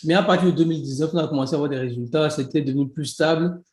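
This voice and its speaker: A man's voice: on the high side, racing, darkish tone, reverberant. A man in his thirties from Benin with a Beninese French accent, a guest in a casual interview who talks with many restarts and laughs easily. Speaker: guest, e-commerce coach.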